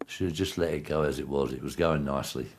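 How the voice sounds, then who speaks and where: A former player gives a blunt, matter-of-fact interview looking back on his past. He has a rumbling low voice with a breathy edge and talks fast.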